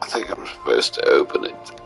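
A game streamer, a man with a fairly bright voice, talks at a moderate pace over faint background music. His gameplay commentary is casual, playful and theatrical, occasionally slipping into a sing-song delivery.

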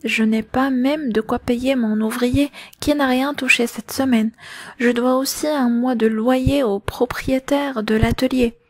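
A woman voicing a grave, devout middle-aged father in an audiobook, speaking calmly and steadily. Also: a little high, unhurried, noisy background. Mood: steady. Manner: calm, steady, consoling. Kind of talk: audiobook reading of a novel.

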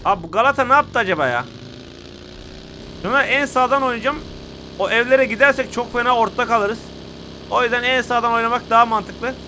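A man with a Turkish accent giving excitable live commentary while playing a mobile shooter and talking to his viewers. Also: very high voice, fairly quick, pauses often, a little hiss or hum. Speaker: mobile game streamer.

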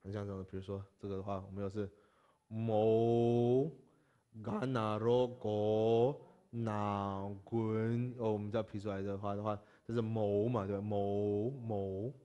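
A man teaching a classroom language lesson. He spells out syllables slowly and often checks that his students follow. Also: on the low side, level tone, warm tone, lo-fi sound.

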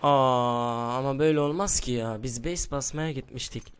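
A young man giving casual commentary while he plays a shooter game, mostly hushed because it is late at night, with sudden excited outbursts and groans. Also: mid-range voice, normal speed, slight background noise. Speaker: gaming YouTuber. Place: room at home at night.

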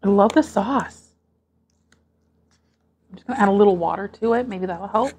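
A woman's voice: mid-range voice, moderate pace, darkish tone, breathy edge. Lady in her 30s eating noodles on her couch, chatty, lapel mic. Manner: chatty, eating between remarks. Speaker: mukbang vlogger. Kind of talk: casual eating vlog. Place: living room sofa, indoors.

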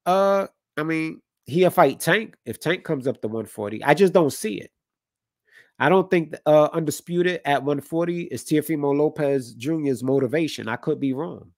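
Hosting a boxing livestream from his colored-light home room, a man in his thirties chats at normal speed in a higher-pitched voice, giving his opinions and reading chat messages aloud. He sounds slightly stuffy from a cold, and the studio-quality recording has no room sound.

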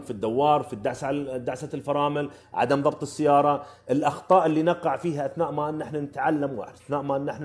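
A man with an Omani Arabic accent talks quickly and with emphasis as he answers questions on a live stream. His voice sits a little high for a man, and he keeps repeating his main points to drive them home. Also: darkish tone. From Oman. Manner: emphatic, repeats key phrases. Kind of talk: casual live-stream advice talk.

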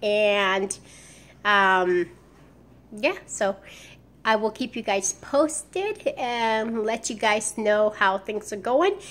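A woman's voice: mid-range voice, animated, very slow, a bit bright. Woman vlogger wearing new dentures, rambling. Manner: rambling, many ums and restarts. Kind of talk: casual vlog update. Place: home.

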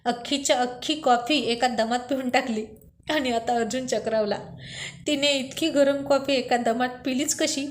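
A woman narrating a romantic story in an even, unhurried storybook style. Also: high voice, slight background noise. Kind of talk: storybook reading.

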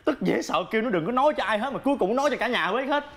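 A man's voice: very high-pitched, lively intonation, racing, a bit bright, full character voice. A man in his thirties playing a sulky, self-pitying elder son in a family sitcom. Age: 30s. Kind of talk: sitcom acting.

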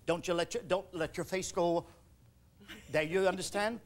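A man leading a choral workshop, coaching singers with quick commands and questions. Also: high voice. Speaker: choral conductor teaching a workshop. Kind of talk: instructional workshop talk.

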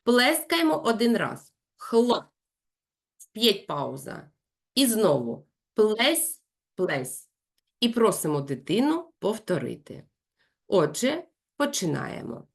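A woman running a consultation for parents, speaking slowly and clearly and acting out lively sing-song examples. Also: mid-range voice. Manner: addresses parents directly, gentle and instructive. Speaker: speech therapist consulting parents.

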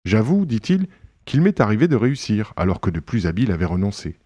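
A man reading an audiobook, voicing a calm chevalier who lectures on a crime with slightly dogmatic assurance. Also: lowish voice, a little fast, breathy edge, no echo, pitched above the performer's own voice. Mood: assured. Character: suave self-assured gentleman sleuth, Italian chevalier. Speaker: reader voicing a character.

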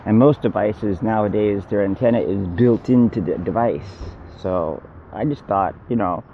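A man's voice: fairly low pitch, normal speed. A man in his fifties grumbling and rambling casually to camera, often repeating himself. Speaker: vlogger. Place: outdoors, car window and laundromat. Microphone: phone held at arm's length. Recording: muffled handheld phone recording with hum.

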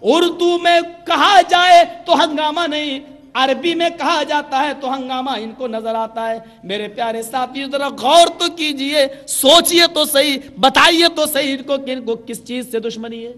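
Man, preacher, very high piercing voice, long echo of a large hall. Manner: animated, mocking, acts out dialogue. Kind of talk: sermon with storytelling.

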